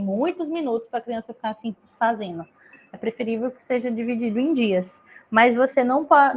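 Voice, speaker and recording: High-voiced woman explaining activities. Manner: chatty, explains with examples, many tag questions. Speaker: literacy tutor leading a parent meeting. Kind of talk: online group session, casual explanation.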